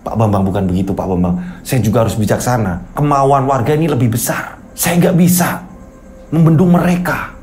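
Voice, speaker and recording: A man's voice: mid-range voice, a little fast, darkish tone, soft background music, natural voice. A man voicing a patient middle-aged village head who speaks politely, carefully and with hesitations.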